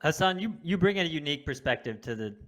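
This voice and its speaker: A man's voice: on the high side, animated, fast talker. A man co-hosting a podcast, earnestly setting up his questions with background for the guest. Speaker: podcast co-host. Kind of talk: interview questions.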